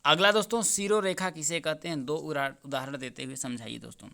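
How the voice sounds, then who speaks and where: A man's voice: on the high side, brisk, gravelly, pushed and bright. A man teaching, working through a paper's answers and repeatedly asking his students questions. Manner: repeats questions to students, addresses them as friends. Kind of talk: exam paper solution lesson.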